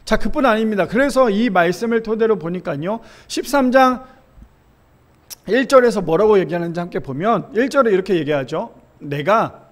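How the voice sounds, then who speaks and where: A fairly high-voiced man in his thirties delivers a Sunday sermon as pastor. He tells a family story in an engaging, conversational way, asks the listeners questions, and softens his voice when he quotes his children. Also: lively intonation, normal speed. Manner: warm storytelling with rhetorical questions to the congregation.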